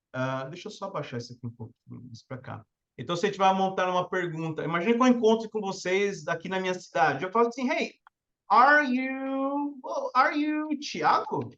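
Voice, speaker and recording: A man's voice: high voice, a bit bright, lo-fi sound. A man with a Brazilian Portuguese accent teaching English in a live online lesson, explaining step by step and often checking in with his listeners.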